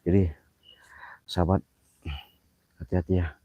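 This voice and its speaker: A man live-streaming a night ghost hunt outdoors on a hillside, who yells challenges at spirits and mutters prayers in between. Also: deep voice, flat delivery, unhurried, no echo, phone-quality sound. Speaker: paranormal vlogger.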